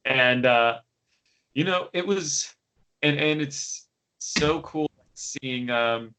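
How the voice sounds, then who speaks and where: A man's voice: medium pitch, drawn-out words, sharp tone, slight background noise, poor audio. A young man co-hosting a podcast, chatting casually about a TV show with lots of fillers and restarts. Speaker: podcast co-host. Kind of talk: casual chat.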